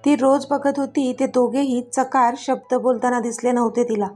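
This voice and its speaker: A woman storyteller reading a serialized romance. Her narration is expressive and dramatic, in a slightly high voice. Faint background music plays throughout. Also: normal speed.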